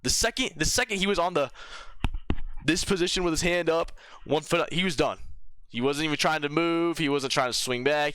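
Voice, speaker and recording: A young man talks through a fight card in a loose, opinionated ramble full of fillers and restarts. His voice is bright and crisp, with a smooth, clear tone. He is recorded close and dry. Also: on the high side, dry recording. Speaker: MMA commentary vlogger. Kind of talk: casual fight reaction commentary.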